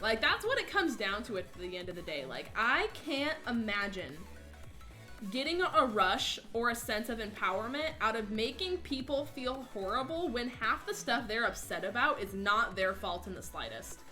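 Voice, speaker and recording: A young woman streamer chatting casually, telling a story with animated, mocking voices for the people she quotes. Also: on the high side, normal speed, faint music behind.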